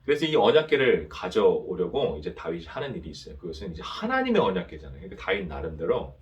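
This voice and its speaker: A man's voice: low-pitched, huge pitch swings, fast, highs cut off. A male pastor preaching to a young adults' service, asking rhetorical questions and having the congregation repeat after him.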